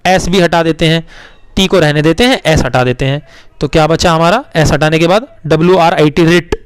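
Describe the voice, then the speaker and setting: A male teacher patiently explaining spelling to young children, coaxing them along and repeating words slowly letter by letter. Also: a little high, smooth, dry recording. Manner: coaxing, addresses children as beta.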